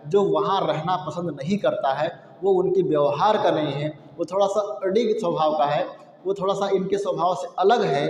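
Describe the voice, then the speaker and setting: A male teacher giving a patient grammar lesson, asking and answering his own questions and sounding out syllables to show the difference. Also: high voice. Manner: repetitive, explanatory, asks and answers own questions; demonstrates sounds aloud. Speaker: Hindi teacher. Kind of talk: classroom-style grammar lesson. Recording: echoey room with long reverb.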